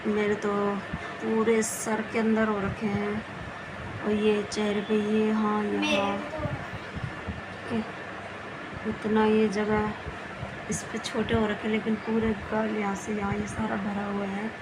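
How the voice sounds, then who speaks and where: A woman's voice: medium pitch, monotone, takes it slowly, pauses often, noisy background. A woman chatting casually at home in a vlog, rambling through everyday stories as a mother. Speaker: vlogger mother. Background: background music.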